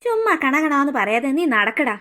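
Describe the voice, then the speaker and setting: A woman's voice: high voice, sing-song, normal speed, bright, forceful tone, exaggerated voice. A woman voicing a headstrong young man in a cartoon, brusque and impatient.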